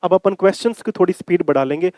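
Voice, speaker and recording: A man teaching English grammar for exams, coaxing students and checking "ठीक है?" often, reading his English examples slowly. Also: sits high, mellow, dry recording. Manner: coaxing, repeats points, asks 'ठीक है?' often; slow drawn-out English example sentences. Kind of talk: exam-prep grammar lesson in Hindi with English.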